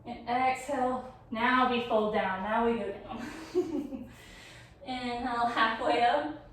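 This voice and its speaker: Young female yoga teacher, unhurried, slightly high, out of breath, roomy echo from across the room. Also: steady tone, a bit bright. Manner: encouraging cues, light laughs. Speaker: yoga instructor. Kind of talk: guided vinyasa yoga class. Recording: echoey room, far from mic, faint noise.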